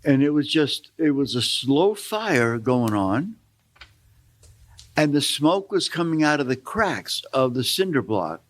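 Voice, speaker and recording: A man's voice: mid-range voice, sing-song, slow. An older man telling rambling, folksy stories as a guest on a talk show. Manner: rambling, folksy storytelling with asides. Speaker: storytelling guest. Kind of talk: casual storytelling on a talk show.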